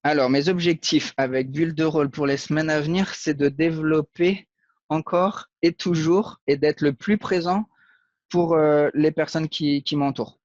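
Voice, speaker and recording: A man's voice: on the high side, steady tone, a little slow, a little mellow, dry recording, muffled recording. A man from Portugal, a guest in a casual interview, speaking hesitantly with many fillers. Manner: hesitant, fillers, short laughs. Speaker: guest, affiliate marketer.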